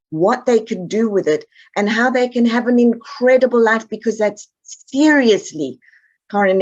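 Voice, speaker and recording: Podcast guest: South African woman, direct and emphatic, average pitch, muffled audio. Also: a little mellow. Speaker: guest expert. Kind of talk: podcast interview.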